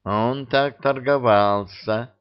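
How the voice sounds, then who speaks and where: A man's voice: mid-range voice, slow pace, clear, resonant tone, lo-fi sound, lightly acted. Man voicing a timid flustered bat. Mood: sheepish. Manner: sheepish, apologetic.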